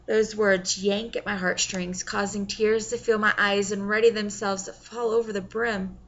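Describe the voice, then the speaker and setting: A woman narrating an audiobook in the first person in a wry, expressive way. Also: medium pitch, normal speed, muffled recording.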